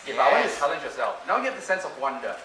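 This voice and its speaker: A man's voice: on the high side, very animated, rapid-fire, crowd noise. A man giving a playful, interactive conference talk, coaxing the audience and repeating his phrases. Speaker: conference speaker doing a mind-reading trick. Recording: roomy hall, distant mic, background noise. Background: audience laughter and room ambience.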